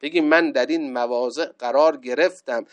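A man giving a religious lecture, reciting Arabic sayings slowly and then explaining them point by point. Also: medium pitch. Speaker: preacher.

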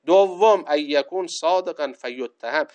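A man giving a religious lecture, reciting Arabic sayings slowly and then explaining them point by point. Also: a little high, darkish tone. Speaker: preacher.

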